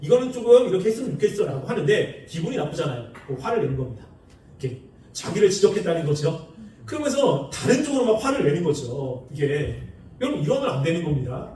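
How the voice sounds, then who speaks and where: A man preaching a sermon in a lively, animated way, acting out the people he quotes with laughs. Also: fairly high pitch, brisk, a little hiss or hum. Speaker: pastor. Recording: echoey room, far from the mic.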